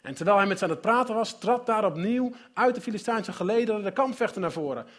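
High-voiced, animated male preacher. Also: fast. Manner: animated, dramatic retelling with sudden loud and soft turns. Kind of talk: sermon storytelling.

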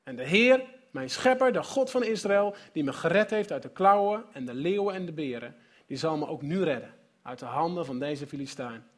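Preacher doing fearless young shepherd David, high voice, earnest and sure of himself. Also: male voice, animated, normal speed. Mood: defiant.

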